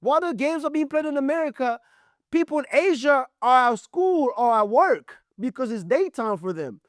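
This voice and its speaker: A man's voice: very high-pitched, lively intonation, moderate pace, no room sound, clean studio sound. A man from Congo giving blunt, emphatic opinion commentary on basketball as the show's host. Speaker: sports commentator.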